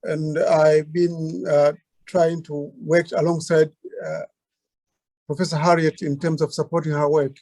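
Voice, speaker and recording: Man, hesitant self-intro, higher flat tone, dry audio. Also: measured pace, vocal fry, dry recording. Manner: hesitant, restarts. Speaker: diabetes doctor. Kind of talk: self-introduction on a video call. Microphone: video call.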